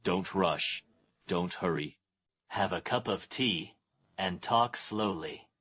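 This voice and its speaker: Calm Taoist master, anime dub, very low voice, composed. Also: male voice, takes it slowly, breathy edge, full character voice. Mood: calm, measured.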